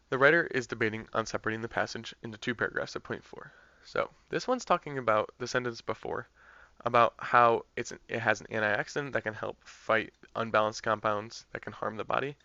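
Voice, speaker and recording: Male tutor, bright forward voice, casual step-by-step explainer, dry slightly dull recording. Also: mid-range voice, normal speed, no echo. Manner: conversational, thinking aloud with fillers and restarts. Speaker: test prep tutor. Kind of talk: explaining practice test answers.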